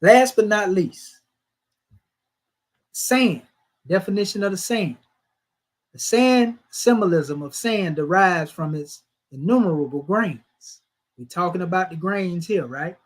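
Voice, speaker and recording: A man with a high-pitched voice and a Southern US accent delivers a scripture teaching in a sermon style. He speaks with a preacher's cadence, asking rhetorical questions and stressing his points with rising and falling emphasis. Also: takes it slowly, long pauses. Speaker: religious teacher.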